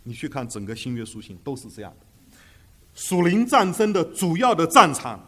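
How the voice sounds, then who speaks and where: A man's voice: on the high side, sing-song, moderate pace, pushed and bright. A man teaching a Bible class, emphatic, asking rhetorical questions and hesitating often with fillers, dropping English terms into his talk. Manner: drops English terms into speech.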